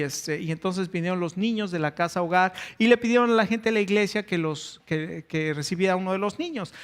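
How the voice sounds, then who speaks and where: High-voiced man preaching. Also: a bit bright. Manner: storytelling with frequent hesitations and restarts. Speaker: pastor. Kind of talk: sermon.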